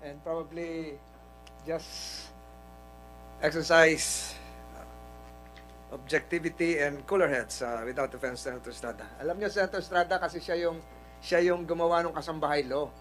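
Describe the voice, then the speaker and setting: A man's voice: on the high side, fairly even intonation, normal speed, long pauses, fairly bright tone, faint music behind, poor audio. Polite Filipino man chairing a hearing. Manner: formal, polite, hesitant with fillers. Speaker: committee chair.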